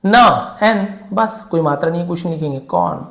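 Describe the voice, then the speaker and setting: Male teacher, slightly high voice, slow and repetitive classroom delivery, roomy echo. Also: expressive, creaky, fairly bright tone. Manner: patient and repetitive, voices student questions himself. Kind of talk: classroom-style lesson. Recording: echoey room.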